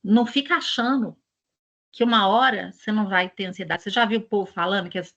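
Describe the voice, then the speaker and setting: A woman's voice: medium pitch, fast talker, a bit bright, highs cut off. A woman with a Brazilian Portuguese accent, presenting an education channel and talking casually to her audience in a chatty, digressive, storytelling way.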